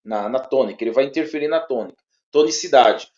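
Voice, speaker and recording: A man with a Brazilian Portuguese accent teaching a one-on-one lesson. He talks haltingly, repeats words and checks in often. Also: mid-range voice, darkish tone. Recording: dull lo-fi sound.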